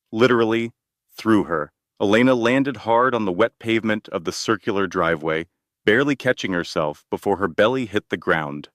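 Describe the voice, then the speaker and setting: Low-voiced man narrating a drama. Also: fairly bright tone, no room sound, clean studio sound. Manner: measured, dramatic.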